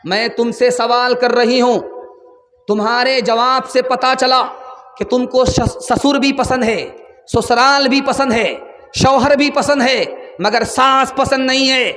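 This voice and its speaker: A man's voice: very high-pitched, steady tone, slight background noise. Man voicing a stern lecturing mother. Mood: earnest, insistent. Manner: rising to impassioned shouts. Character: stern mother lecturing her married daughter. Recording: echoey hall.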